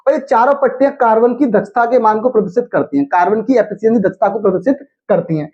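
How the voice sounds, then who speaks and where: Male teacher, young adult, high voice, repeats points as questions, dull muffled sound. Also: a little mellow. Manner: slow sing-song chanting of mnemonics. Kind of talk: classroom lecture.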